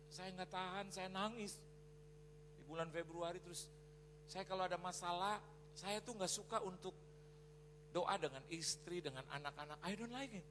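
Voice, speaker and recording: A man preaching a sermon as a pastor, telling a story in an animated way, acting out quotes and mixing in English phrases. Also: sits high. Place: large church hall. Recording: reverberant church hall with faint noise.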